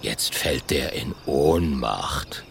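A man voicing a huge menacing male Tyrannosaurus with a rumbling growl, gloating over prey. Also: lively intonation, very slow, gravelly, a bit bright, slight background noise, full character voice. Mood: grumbling.

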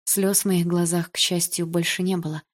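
A woman narrating a first-person novel with an expressive, emotional reading. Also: fairly low pitch, normal speed. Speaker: audiobook reader.

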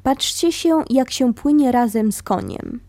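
A woman voicing a hearty young man who urges others on with brisk calls, read as part of a memoir. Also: very high voice, expressive, warm tone, no echo, exaggerated voice. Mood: urging.

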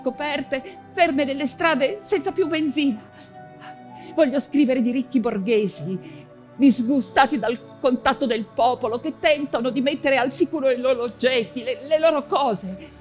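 In a fervent theatrical monologue, an actress with a high voice plays an anguished, proud woman writer in wartime Paris, speaking with halting, insistent repetitions. Soft music plays in the background.

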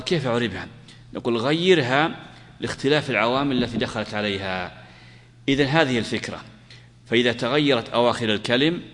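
A man's voice: mid-range voice, a bit bright. A man explaining grammar to a class, asking questions and answering them himself and repeating the key phrases. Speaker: teacher of Arabic grammar. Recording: long hall reverb.

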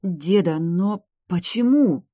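A reader voicing a proud, sharp-tongued young female vampiress in an audiobook, answering back with quick indignant retorts. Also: medium pitch, expressive, no echo, studio quality, pitched above the performer's own voice. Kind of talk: audiobook character voice.

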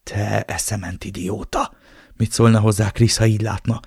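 A man voicing a blunt, loyal male henchman who scolds his friend gruffly, in an audiobook. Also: fairly low pitch, steady tone, darkish tone, dry recording, studio quality, full character voice.

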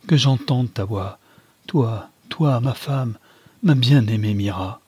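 A man reading aloud voices a desperate young husband who pleads in a slow, trembling voice. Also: mid-range voice, darkish tone, slightly rough, no echo. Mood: pleading.

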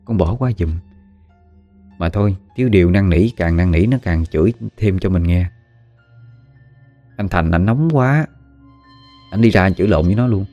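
A man's voice: low-pitched, normal speed, pauses often, warm tone, lo-fi sound. A man with a Southern Vietnamese accent narrating a ghost story in a conversational way with dramatic asides. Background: faint music.

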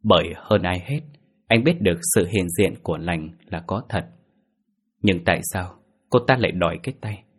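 A man narrating a horror story in a steady, measured storytelling voice. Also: low voice, breathy edge.

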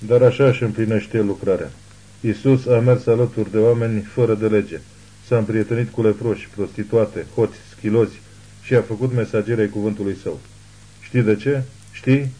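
A man's voice: fairly low pitch, fairly even intonation, natural voice, rough recording. Man voicing a fervent old woman prophet. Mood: fervent preaching. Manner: hushed but imperious.

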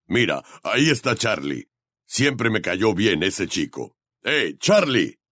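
A man doing Hagrid, a deep gentle giant. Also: very animated, dry recording, exaggerated voice. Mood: fond. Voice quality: deep slow rumble. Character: huge gentle half-giant groundskeeper, warm and rambling. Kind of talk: audiobook character voice.

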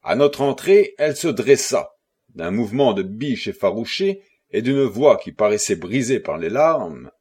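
A man narrating a classic novel for an audiobook, in a measured and expressive reading style. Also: fairly low pitch, breathy edge. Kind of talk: scripted narration.

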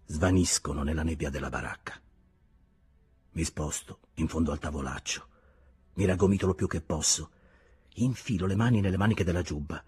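A man reading a literary audiobook in a measured, grave manner. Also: low voice, a little mellow, breathy edge. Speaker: audiobook reader.

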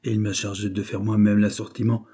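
A man's voice: fairly low pitch, level tone, a little fast, warm tone, husky. A man voicing an earnest, dutiful young clerk who explains patiently and firmly.

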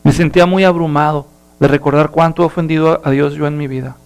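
A man's voice: fairly high pitch, steady tone, fast, clean tone. A male pastor who preaches a sermon and animatedly acts out the story's characters.

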